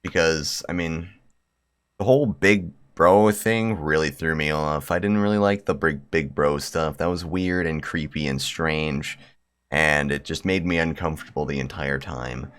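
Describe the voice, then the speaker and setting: A man with a rumbling, low, slightly bright voice and a somewhat slow pace runs a gaming video, mixing casual commentary with read-aloud visual novel text. His humor is crude, blunt, and full of swearing, with music in the background.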